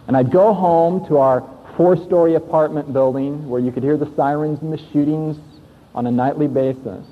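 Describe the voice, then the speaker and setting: A man telling his life story as an earnest sermon testimony, reflective, with emphatic pauses. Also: on the high side, steady tone, husky. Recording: tinny, lo-fi recording in a long-echoing hall.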